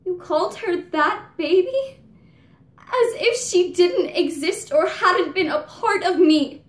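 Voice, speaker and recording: A woman's voice: very high-pitched, expressive, slow pace, exaggerated voice. A young woman performing a dramatic monologue as a grieving seventeen-year-old girl who speaks bitterly to her mother. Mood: fierce. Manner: raw and bitter, rising to anguished outbursts. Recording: echoey room.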